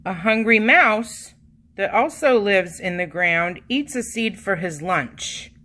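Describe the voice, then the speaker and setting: Female storybook reader for young children: unhurried pace, very animated pitch, dramatic stress on key words. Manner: expressive, dramatic emphasis with drawn-out words. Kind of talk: read-aloud picture book narration.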